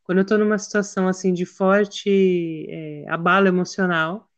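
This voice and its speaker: A woman's voice: on the low side, moderate pace, smooth, highs cut off. A woman co-hosting a casual podcast, reflecting aloud and quoting her own words. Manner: reflective, animated storytelling with quoted self-talk. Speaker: podcast co-host. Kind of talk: casual chat.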